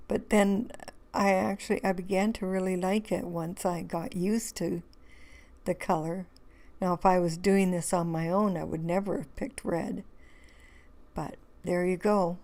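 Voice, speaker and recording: Hoarse woman, slow and flat. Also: lowish voice. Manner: rambling, with many fillers and restarts. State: hoarse, losing her voice. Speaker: craft video host. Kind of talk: relaxed crafting tutorial voice-over.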